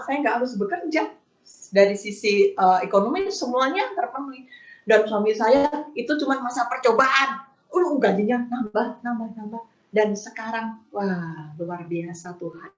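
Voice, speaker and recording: A middle-aged woman giving a testimony sermon at a prayer meeting, lively and acting out her own prayers in a raised voice. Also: high-pitched. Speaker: guest speaker at a prayer meeting. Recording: dull, roomy sound.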